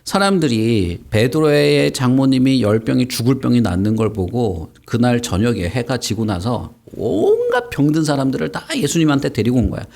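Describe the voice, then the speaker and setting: A man's voice: medium pitch, moderate pace, vocal fry, few pauses. A man giving a children's Sunday school sermon, speaking informally and quizzing the kids with questions. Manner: animated, asks children questions and acts out quotes.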